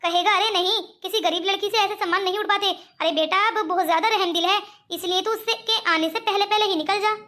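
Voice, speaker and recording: Woman doing a high, bright-voiced scheming cartoon granny, coaxing. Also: fast talker, hardly any pauses. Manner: coaxing, calls others 'beta'. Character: scheming rich old grandmother. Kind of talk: cartoon voice acting.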